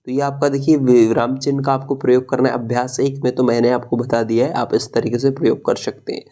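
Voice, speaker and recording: A man's voice: mid-range voice, little pitch movement, fairly quick, warm tone. A man teaching schoolchildren, explaining workbook solutions step by step and often repeating phrases. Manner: repeats phrases, addresses children directly.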